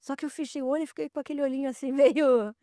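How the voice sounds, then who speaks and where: A woman's voice: high voice, very fast, no room sound, studio quality. Brazilian woman telling a vivid story. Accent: Brazilian Portuguese. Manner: animated storyteller, acts out quoted dialogue. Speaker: podcast guest. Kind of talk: casual storytelling.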